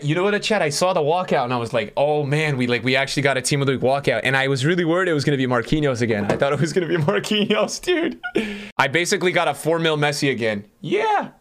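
A young man with a fairly high-pitched voice talks to his livestream chat. He sounds like a frat bro, casual and slangy, addressing everyone as bro, dude or man while he plays. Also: fairly bright tone. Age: young adult. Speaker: game streamer. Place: small room indoors.

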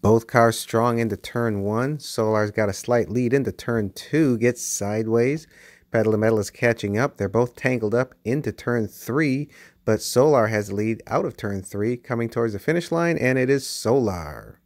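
A man giving play-by-play commentary on toy car races as the channel host, with bursts of excitement at close finishes. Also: mid-range voice, moderate pace, dry recording. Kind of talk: race commentary. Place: basement with toy race track.

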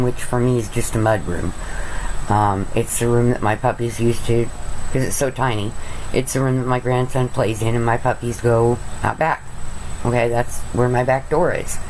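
A woman's voice: extremely low pitch, a little mellow. A middle-aged woman vlogging casually from her bed, rambling and chatty, often calling her viewers "guys". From Arizona. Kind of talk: casual vlog monologue. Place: bedroom, lying in bed. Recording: noisy home webcam recording.

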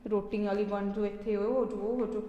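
A woman playing a sharp-tongued angry young wife. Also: medium pitch, level tone, brisk, reverberant, in a large hall, lo-fi sound, natural voice. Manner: snapping, scolding, defiant. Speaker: daughter-in-law.

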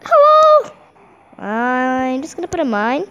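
A woman giving excitable, giggly let's play commentary, talking to herself as she plays. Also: high voice, unhurried, dull audio, noisy background. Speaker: gameplay host.

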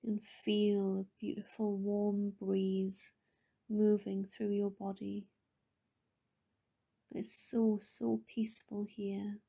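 The speaker is a woman guiding a meditation in a mid-range, monotone voice. She sounds gentle and soothing, breathy and soft, nearly whispering at times, and she lingers in the pauses between phrases.

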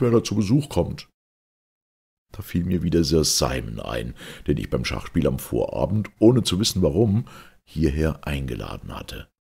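A man reading his own story aloud as first-person audiobook narration, in a measured storytelling manner. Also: very deep voice, gravelly, a little mellow, husky.

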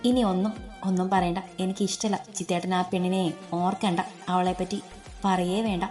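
A woman's voice: on the low side, little pitch movement, normal speed, dark tone, faint music behind, lightly acted. A woman voicing a teary, clingy young wife. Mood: upset.

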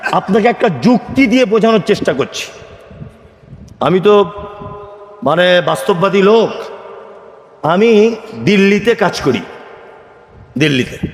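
High-voiced man preaching in echoey hall. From India. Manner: rhetorical questions to the crowd; calls for crowd answers. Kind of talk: sermon. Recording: echoey hall with long reverb.

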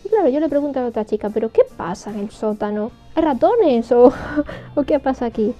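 Woman with a Spain Spanish accent, casual game narration with sarcastic asides, dark and mellow tone, slightly muffled audio with faint music behind. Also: on the high side, animated, brisk. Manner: chatty, sarcastic asides and quoted voices. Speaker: gameplay narrator. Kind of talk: casual gameplay retelling.

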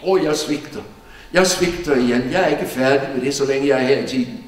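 A man preaching an earnest, emphatic Bible-teaching sermon in a church hall. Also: mid-range voice. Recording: echoey church hall from far off.

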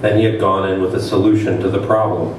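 A man in his thirties with a deep voice reads satirical fiction on stage, dramatic yet flat in delivery and fast-talking. The occasion is a literary event in a small room with an audience, and a table microphone on a stand is used. It's a noisy recording from a distant mic in a very echoey hall.

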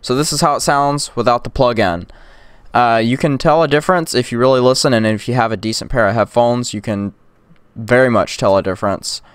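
A young man talks through a casual software tutorial in a smooth, clean voice. He rambles with plenty of fillers and restarts. He sits close to a condenser mic in a dry, dead room. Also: mid-range voice, fairly quick, dry recording. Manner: rambling, filler-heavy, drops to whispers and yells in demos. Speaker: tech tutorial creator. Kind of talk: casual screen-recorded tutorial. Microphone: close USB condenser mic.

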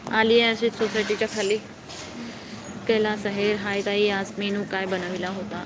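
Young woman, casual live-stream chat, phone mic outdoors, clear street noise behind. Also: mid-range voice, flat delivery, moderate pace. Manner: reads comments aloud and answers viewers. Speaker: livestreamer reading viewer comments. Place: outdoors below a housing block at night.

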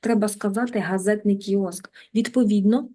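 A woman teacher giving an online language lesson, patient, slowing down and repeating words so learners can follow. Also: mid-range voice, steady tone, mellow. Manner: patient, repeats words slowly and drills them. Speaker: German teacher.

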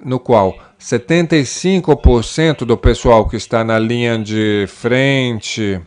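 Slow, smooth-voiced male interpreter. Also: mid-range voice, a little mellow. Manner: measured, with frequent hesitation fillers and restarts.

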